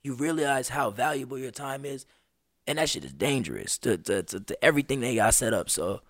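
A man in his twenties, a guest on a podcast, telling stories in an animated, slangy way. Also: medium pitch, fairly quick, no echo, clean studio sound. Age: 20s. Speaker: podcast guest, street performer. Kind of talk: casual conversation.

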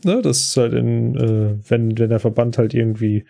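A man's voice: medium pitch, flat delivery, normal speed, creaky, dark tone. A man hosting a podcast, chatty and rambling as he casually retells an episode. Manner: chatty, rambling, many fillers. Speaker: podcast host.

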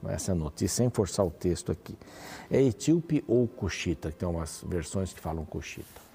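A man teaching a Bible study, reading verses aloud and commenting on them with lively emphasis. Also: low voice, a little fast, husky.

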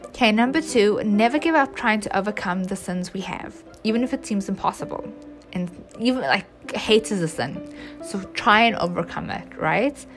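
A woman giving an earnest, chatty devotional talk to her viewers, with bursts of excitement and many restarts. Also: mid-range voice, normal speed, over music. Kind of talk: casual devotional talk to camera.

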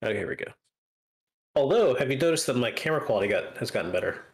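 Fast and very animated, a man with a medium-pitched voice hosts a relaxed gaming podcast chat. He wanders from point to point, uses lots of fillers, and often restarts to fix what he said.

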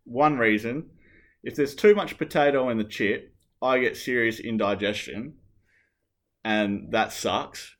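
A man's voice: medium pitch, unhurried, a bit bright. A man, co-hosting a podcast in casual, rambling chat full of fillers. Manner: rambling, filler-heavy, opinionated. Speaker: podcast co-host.

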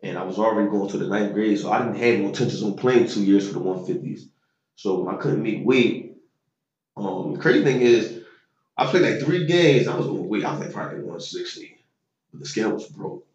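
A man in his thirties with a fairly low voice recalls his high school football years. He talks loosely, in slang and with many fillers. The recording sounds roomy and a bit dull, like a lo-fi echoing room. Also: a little fast, darkish tone. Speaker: interview guest, former football player. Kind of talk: casual storytelling interview.

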